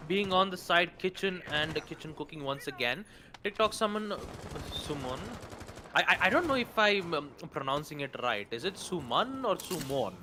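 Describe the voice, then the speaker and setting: A man co-commentating an esports match in a lively, swooping voice pitched a little high. He talks animatedly and wordily, with colorful turns of phrase. Game gunfire and clicks are clearly heard behind his voice. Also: moderate pace, background noise. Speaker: esports co-caster.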